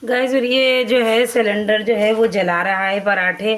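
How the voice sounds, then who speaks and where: A woman's voice: mid-range voice, steady tone, measured pace, recorded from a distance. Chatty woman vlogging from an echoey kitchen. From Pakistan. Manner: chatty, pious, talks to viewers while cooking. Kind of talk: casual home vlog narration. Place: home kitchen at night.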